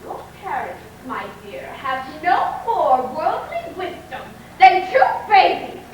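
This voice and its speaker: A woman's voice: very high voice, sing-song, takes it slowly, heavily acted. A woman playing a stern, wealthy, meddling old aunt who scolds imperiously, in old-time radio drama style. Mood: scornful. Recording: echoey distant old recording with faint hiss.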